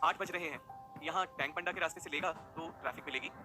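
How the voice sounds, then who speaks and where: A man voicing a caring young woman in an audio story, speaking softly and affectionately. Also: a little high, fast, over music, close to an everyday voice. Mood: tender. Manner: soft, pleading, affectionate.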